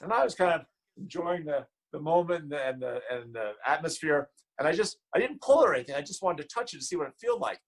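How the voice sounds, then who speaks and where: A man in a casual interview, telling a lively personal anecdote. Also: fairly high pitch, quick pace, low-quality recording. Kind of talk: casual chat.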